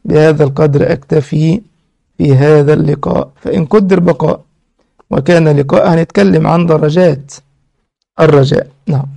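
A man preaching with an Egyptian Arabic accent, telling a story in an animated way, acting out its dialogue and adding colloquial asides. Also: fairly high pitch, moderate pace, creaky. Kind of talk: sermon storytelling.

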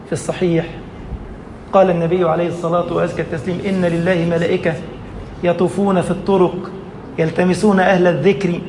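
Man preaching, Egyptian accent, high voice, echoey mosque hall, emphatic and lively. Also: slight background noise. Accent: Egyptian Arabic. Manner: lively, emphatic, quickens and slows for effect. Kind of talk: sermon.

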